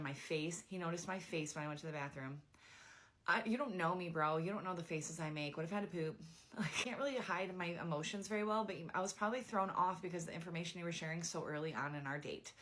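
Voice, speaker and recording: Young woman w a low voice, chatty storytime vlog, lots of "like"s. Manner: chatty, animated retelling with lots of "like". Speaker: vlogger telling a dating story. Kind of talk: casual storytime chat.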